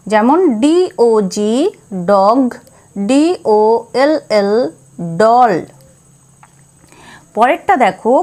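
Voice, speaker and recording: A woman teaches letter sounds in a lesson. She talks slowly and spells each word out one letter at a time. Her voice sits fairly high. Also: a little mellow. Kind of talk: phonics lesson.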